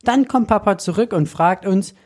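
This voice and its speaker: A man's voice: sits high, normal speed, breathy edge, pitched above the performer's own voice. A man voicing a curious young boy who keeps asking eager questions in a storybook reading.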